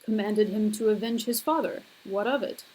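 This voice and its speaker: A woman lecturer putting on a deeper, manly voice for a stern male god, speaking in a slow, measured way. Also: darkish tone, natural voice, low-quality recording. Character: stern male god defending his deed.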